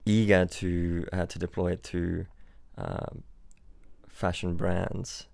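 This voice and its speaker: A young startup founder, Swiss-born and raised in Australia, chats casually as a podcast guest in London, often repeating words and restarting sentences. His deep, darkish voice carries vocal fry and is very animated, though he takes it slowly. The recording has no echo.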